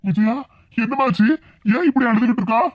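A woman voicing a mild, bewildered middle-aged village husband in a cartoon, speaking Tirunelveli Tamil with slow, worried questions. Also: fairly high pitch, no echo, lo-fi sound, pitched below the performer's own voice, close to an everyday voice.

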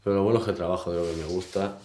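Man, 20s, barber, casual chat, low pitch, echoey small barbershop. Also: racing. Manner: relaxed, modest, talks in short trailing phrases. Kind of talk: casual chat while shaving a client. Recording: roomy shop echo, faint noise.

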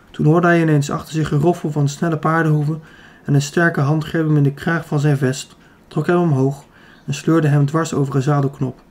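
Male audiobook reader, slightly high, mellow, steady storytelling. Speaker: audiobook narrator. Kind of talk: scripted narration.

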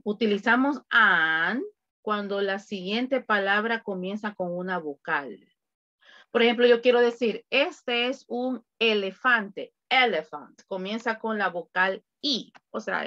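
A woman's voice: medium pitch, a little slow, bright, forceful tone, highs cut off. A woman teaching an online English class, switching between English and Spanish to explain grammar and drilling her students with countdowns.

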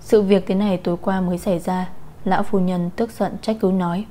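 Mellow female audiobook narrator. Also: medium pitch, steady tone, brisk. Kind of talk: scripted story narration.

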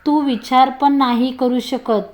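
A woman's voice: sits high, fairly even intonation, slow, a little mellow. A woman voicing a playful, confident young man who teases and jokes as he talks. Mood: teasing. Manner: teasing, joking.

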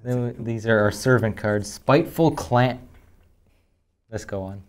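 A man's voice: fairly low pitch, measured pace. Casual young man chatting over cards. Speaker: card box opening host. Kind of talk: casual chat while opening trading cards. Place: indoors at a tabletop.

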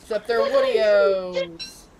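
A woman's voice: medium pitch, takes it slowly, over a noisy crowd. A young woman hosting a let's play, chatting casually, giggling often and swearing freely. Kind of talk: casual gaming chat.

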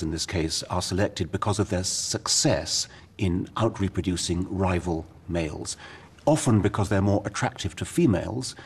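A man explaining as an expert in a documentary interview, in a measured academic manner. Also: low voice, husky.

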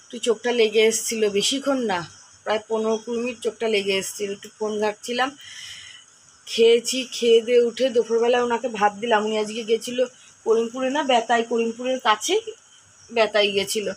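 A woman's voice: on the high side, level tone, fairly quick, slight background noise, rough recording. Chatty homemaker woman. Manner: chatty, rambling, homely storytelling. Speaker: homemaker vlogger. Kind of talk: casual daily-life vlog narration. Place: at home, indoors.

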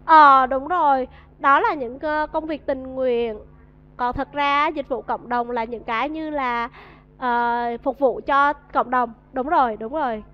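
A woman with a Vietnamese accent teaches a class English vocabulary, coaxing answers and drilling pronunciation. Her high-sitting voice is fairly even and unhurried, and the audio is dull and lo-fi.

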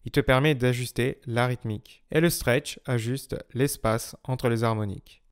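A man's voice: mid-range voice, fairly even intonation, normal speed, clean tone. A man narrating a music production tutorial in a scripted style.

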